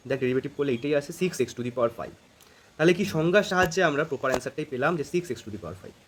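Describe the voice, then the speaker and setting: A math teacher gives an informal calculus lesson, thinking aloud casually as he works through problems. His voice is a little high and his pace quick.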